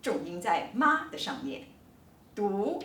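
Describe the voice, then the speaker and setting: Lively, bright-voiced woman lecturing. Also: medium pitch, echoey room, far from the mic, slight background noise. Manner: animated, emphatic explaining with drawn-out words. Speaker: linguistics professor. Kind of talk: recorded online lecture.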